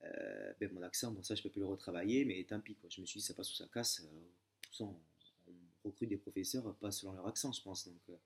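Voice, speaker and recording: Young man, casual vlog chat, lots of hesitations and restarts, a bit low-pitched. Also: lively intonation, fast, creaky. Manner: hesitant, many fillers and restarts; chatty, familiar storytelling. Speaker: exam candidate sharing his method.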